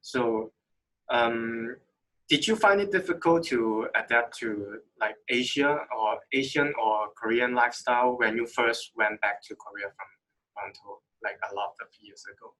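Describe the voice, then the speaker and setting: A man hosting an interview, asking questions in halting phrasing as he searches for words. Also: mid-range voice, pushed and bright, low-quality recording. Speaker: interview host.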